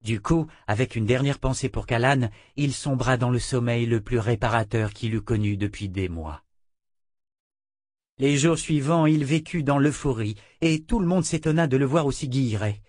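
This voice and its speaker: A man's voice: mid-range voice, normal speed, darkish tone, dry recording. Man narrating an audiobook, dry sound. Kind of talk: scripted narration. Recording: dry close recording.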